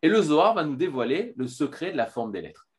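A man teaching a filmed Torah lesson, lively, with many restarts and fillers. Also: on the high side, fairly quick.

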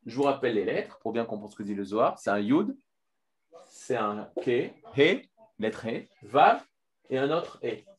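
Guy giving a torah lesson on camera, lively, lots of euh and restarts. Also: mid-range voice, measured pace. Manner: lively, with many restarts and filler sounds. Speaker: Torah teacher.

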